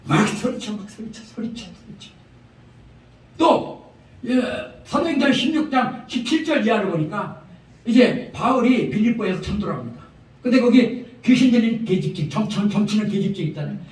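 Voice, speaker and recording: Man, pastor, revival sermon, high voice, chuckling storyteller, echoey hall, distant mic. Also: expressive, brisk, a little mellow. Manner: humorous storytelling, chuckling, emphatic repetition. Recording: echoey prayer-house hall from far off.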